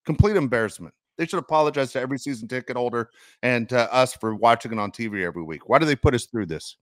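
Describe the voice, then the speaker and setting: A man's voice: medium pitch, expressive, fast, dry recording, studio quality. A man co-hosting a sports podcast, venting bluntly and emphatically about a loss. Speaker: podcast co-host.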